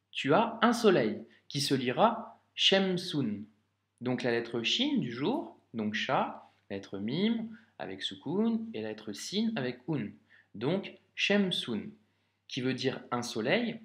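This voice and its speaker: An Arabic reading teacher with a slightly high voice and a roomy sound gives a patient, step-by-step lesson. He speaks directly to the learner and frequently checks that they're following.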